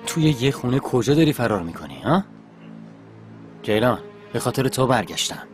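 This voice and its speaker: A man's voice: mid-range voice, big pitch swings, faint music behind, lightly acted. An actor dubbing a bossy, hot-tempered brother who threatens his sister. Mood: angry. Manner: domineering, threatening. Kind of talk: dubbed TV drama dialogue.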